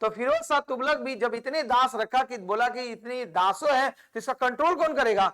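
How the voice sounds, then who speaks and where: A man teaches history for exam preparation in a very high, smooth and resonant voice. He keeps repeating key names and firing questions back at his students. English words slip into his all the time. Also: normal speed, a bit bright. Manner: mixes English words into Hindi. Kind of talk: exam-prep history lecture.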